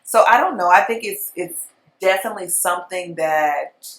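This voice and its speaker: Young woman vlogger, casual and animated commentary, lower-pitched voice, echoey room. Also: normal speed. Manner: chatty, animated, full of "you know" and "like".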